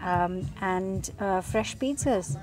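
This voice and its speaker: A middle-aged woman food vlogger narrating casually and unscripted, with frequent ums and pauses. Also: medium pitch, a crowd in the background. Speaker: food vlogger and cookbook author. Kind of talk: casual vlog voice-over narration. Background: music behind the voice.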